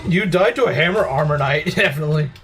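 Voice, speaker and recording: A young man casually commentating a video game, quick to complain and laugh. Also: on the high side, crowd noise. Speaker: let's play host.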